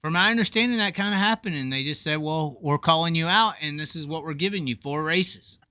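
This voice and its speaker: Fired up and emphatic, a podcast host running a sprint car racing call-in show keeps repeating himself in lively, opinionated, casual chat. He speaks fairly quickly in a slightly high voice.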